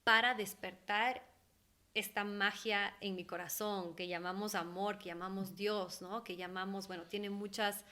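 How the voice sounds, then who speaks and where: A young adult woman from Ecuador, a holistic therapist, appears as a guest in a casual interview. She speaks in a mid-range voice, a little slowly, but animatedly, laughing often and acting out quoted voices.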